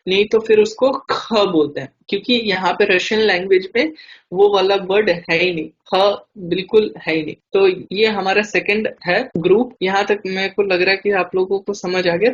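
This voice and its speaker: A man's voice: sits high, lo-fi sound. A man teaching a language class online, explaining patiently with frequent hesitation fillers.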